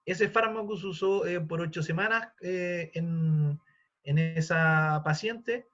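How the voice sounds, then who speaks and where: A man's voice: fairly high pitch, slow, a bit bright. A man in his forties giving a live online lecture, explaining step by step with frequent fillers and restarts. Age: 40s. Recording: dull lo-fi sound.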